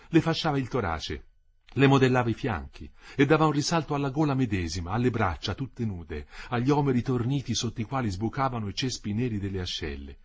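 A man narrating a literary novel as an audiobook reader, expressive and measured. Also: on the low side, husky.

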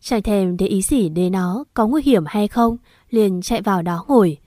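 A woman narrating a scripted first-person horror story in a steady, emotional storytelling manner. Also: medium pitch, normal speed, dry recording, studio quality.

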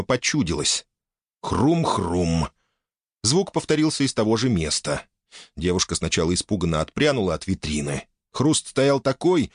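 A man narrating a fantasy audiobook in an expressive storytelling manner. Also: low-pitched, dry recording, clean studio sound.

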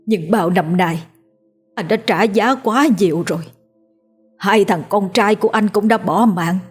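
Woman doing a guilt-ridden old father, stammering pleas, husky voice, ghost-story audiobook. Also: mid-range voice, normal speed, soft background music. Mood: remorseful. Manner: pleading, stammering. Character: aging balding father, desperate and guilt-ridden.

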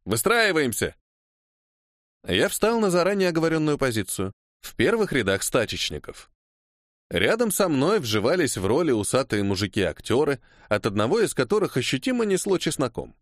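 A man reading a first-person novel aloud as audiobook narration, in an expressive manner. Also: medium pitch, no echo, studio quality.

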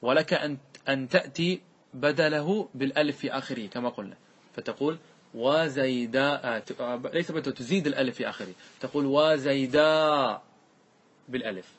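A man teaching a classical grammar lesson as a sheikh, explaining step by step, often checking that listeners follow, and drawing out example words slowly when he recites them. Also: medium pitch, husky.

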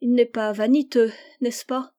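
A woman reading aloud and voicing a vain, petulant young schoolgirl in a higher, pleading tone. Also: fairly even intonation, a little slow, dark tone, natural voice. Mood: plaintive.

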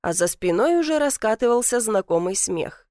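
A woman narrating a first-person audiobook in a lively, expressive storytelling manner. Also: on the high side, moderate pace, dry recording, studio quality.

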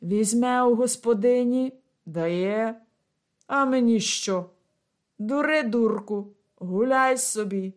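A woman's voice: a little high, slow. A woman voicing a swaggering young man who boasts and mocks, in a storybook reading. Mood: boastful, mocking. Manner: cocky, jeering.

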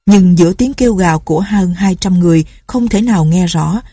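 A woman narrating a martial arts novel as an audiobook, in an even, measured reading. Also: on the low side, husky, no room sound, studio quality.

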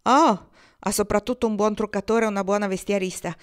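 A woman's voice: mid-range voice, fairly even intonation, brisk, lightly acted. A woman reading aloud, voicing a sardonic middle-aged Russian woman who works in film costumes. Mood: mocking.

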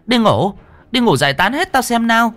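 A man's voice: very high-pitched, big pitch swings, fairly quick, a bit bright, pitched above the performer's own voice, heavily acted. A man voicing a stout older woman landlady who scolds and dismisses the fuss. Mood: scolding.

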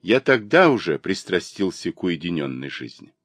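A man voicing an earnest, reserved young gentleman who speaks calmly and sincerely. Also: deep voice, no echo, full character voice. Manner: calm, sincere, measured.

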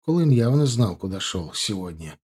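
A man narrating a first-person crime audiobook in a steady, even way. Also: on the low side, moderate pace, slightly rough.

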